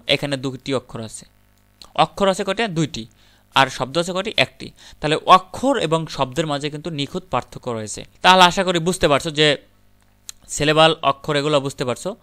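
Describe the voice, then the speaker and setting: A man's voice: a little high, pushed and bright. A man teaching English grammar, explaining step by step and answering his own questions to the students. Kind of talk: classroom lecture.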